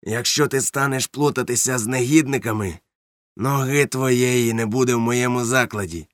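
A booming old pirate innkeeper barks orders and scolds his patrons, as a male narrator puts him on. The voice is gruff and bossy, recorded dry and close. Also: fairly even intonation, normal speed, dry recording, natural voice. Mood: stern interrogating. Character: loud gruff one-legged pirate innkeeper, older man.

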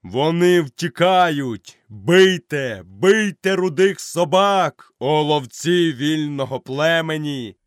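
A man voicing a battle-hungry young male wolf, booming out rallying shouts. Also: drawn-out words, few pauses, no echo, studio quality. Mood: rallying, fierce.

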